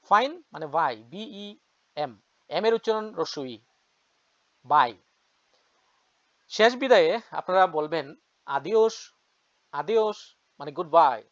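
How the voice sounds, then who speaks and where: A man giving a casual vocabulary lesson, repeating each word slowly for learners. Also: on the high side, lively intonation, a bit bright, no room sound. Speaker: language teacher. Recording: dull lo-fi sound.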